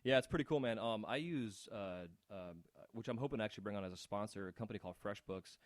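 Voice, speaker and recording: A man's voice: fairly low pitch, quick pace, dry recording. A man hosting a podcast, chatting casually in a friendly, laid-back way with frequent "dude" asides. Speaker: podcast host.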